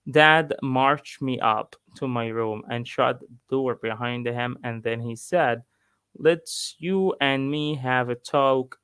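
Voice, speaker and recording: A man with an Egyptian accent, an English teacher reading a book aloud and pausing to explain words. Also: mid-range voice, bright, forceful tone, clean tone, no room sound. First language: Arabic. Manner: slow, pausing to explain vocabulary.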